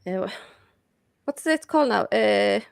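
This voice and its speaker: A woman's voice: medium pitch, expressive, slow pace, vocal fry. A woman in a casual book club chat, hesitant and laughing, often trailing off.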